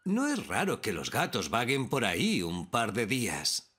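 A man voicing a steady, reassuring heroic fireman in an animated children's series, with an energetic manner. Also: medium pitch, a little slow, husky, heavily acted.

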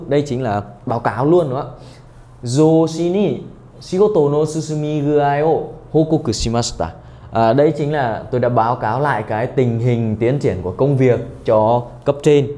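A man's voice: mid-range voice, darkish tone. Man, young adult, Japanese teacher, online lesson, keeps checking in with students. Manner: keeps checking in with "được chưa?", mixing in Japanese phrases. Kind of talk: online exam-prep lesson.

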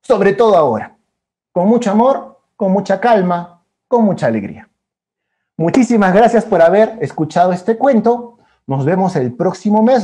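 A man telling a children's story, playful and animated, acting out each emotion with exclamations. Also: high-pitched. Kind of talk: lively storytelling for kids.

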